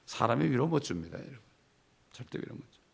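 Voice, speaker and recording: A man's voice: mid-range voice, very animated, quick pace, creaky, slightly rough. A middle-aged male pastor teaching a Bible study sermon, emphatic and conversational, with asides to the congregation.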